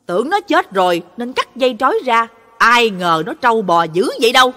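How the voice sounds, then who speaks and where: A woman voicing a gruff middle-aged male dog butcher who grumbles loudly. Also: a little high, big pitch swings, fairly quick, big-room sound. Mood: grumbling. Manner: loud, grumbling.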